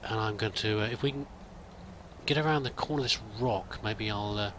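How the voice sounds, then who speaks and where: A man with a lowish voice talks a little fast over background noise. In a let's play, he roleplays a pilgrim in the game, musing and thinking aloud in hesitant, wandering in-character commentary.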